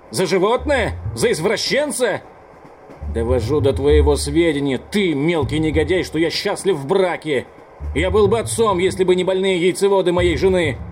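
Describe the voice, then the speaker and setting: Male narrator as a blustering, indignant conductor, pitched up. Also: darkish tone, a little hiss or hum. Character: blustering male train conductor, touchy bully.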